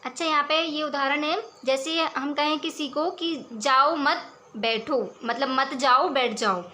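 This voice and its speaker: A woman teacher explaining verse examples in a lesson, reading lines slowly and then explaining them patiently. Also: sits high, sharp tone, a little hiss or hum.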